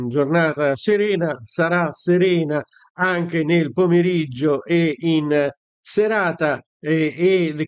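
A man's voice: a little high, dry recording, dull audio. A man hosting the show in a plain, casual way, with small hesitations. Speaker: host. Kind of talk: casual broadcast talk.

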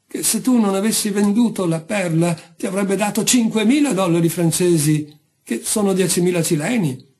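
A man's voice: high voice, moderate pace, darkish tone, voice pushed up, lightly acted. A man voicing an anxious, whining island wife in a read-aloud story. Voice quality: whiny.

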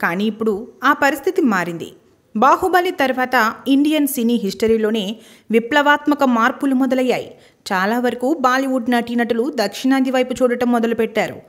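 A woman narrating a scripted entertainment news voice-over in an even, formal read-out manner. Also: fairly high pitch, a little fast.

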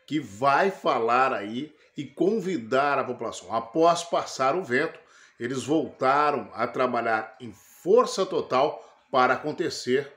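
A man's voice: medium pitch, a bit bright. A middle-aged Brazilian man presenting a news report to camera. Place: small indoor studio with backdrop. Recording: roomy, echoing studio sound.

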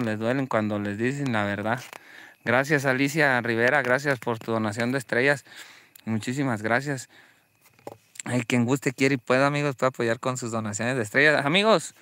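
A man with a Mexican Spanish accent hosting a livestream. He is profane and taunting, shouting jeers at someone and then dropping to low asides for his viewers. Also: a little hiss or hum. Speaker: livestream host. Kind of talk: livestream vlog.

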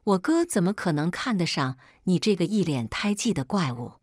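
A woman's voice: on the low side, very animated, normal speed, no echo, studio quality. A woman reading a furious arrogant young man. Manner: shouting, accusing.

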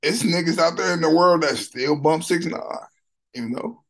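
A man hosting a music reaction video, talking in a loose, slangy, animated way and often repeating lines from the song. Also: on the high side, moderate pace, gravelly. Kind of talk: casual song reaction commentary.

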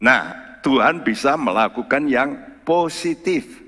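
Male pastor, lively sermon, bright tone, church reverb. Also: medium pitch, slow. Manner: lively preacher, rhetorical questions, mixes English words. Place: large church hall.

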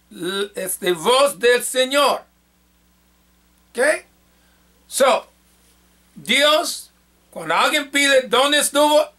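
Slow, bright-voiced male Bible teacher. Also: high voice. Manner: halting, repeats and corrects himself. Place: church.

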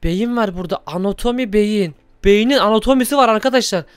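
Fast, exasperated man hosting a game. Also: sits high, smooth, no echo. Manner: exasperated, scolding, theatrical. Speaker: gaming youtuber host. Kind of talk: Minecraft role-play narration.

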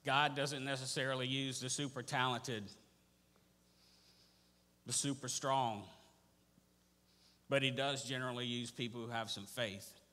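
A man preaching in a church, his voice bright and forceful. He swings from quiet asides to loud, animated bursts. A long hall reverb trails each phrase. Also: medium pitch, unhurried, pauses often. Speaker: pastor. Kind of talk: sermon. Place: church sanctuary.

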